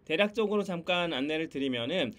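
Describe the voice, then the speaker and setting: A man's voice: a little high, animated, fast, fairly bright tone. A man on a video call walking teachers through a children's Sunday school lesson and quiz games, laughing often and teasing in a playful game voice. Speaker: Sunday school curriculum presenter. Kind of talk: online teacher training. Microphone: computer mic on a video call.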